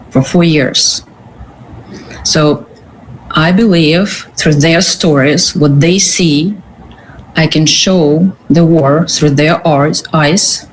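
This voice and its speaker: Ukrainian-accented woman guest, slow and halting, faint hiss under the voice. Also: low voice, rough recording. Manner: earnest, halting with pauses and restarts. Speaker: guest, curator. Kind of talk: interview answers.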